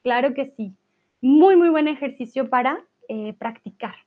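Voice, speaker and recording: A woman's voice: high-pitched, lively intonation. A woman teaching Spanish in a live class, answering viewer chat and laughing often. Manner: laughs often, speaks slowly and clearly. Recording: tinny phone-like sound.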